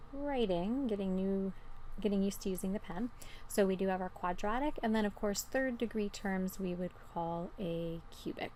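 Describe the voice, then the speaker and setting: A woman's voice: fairly low pitch, warm tone, a little hiss or hum. A woman teacher giving an informal, step-by-step explanation in a recorded math lesson.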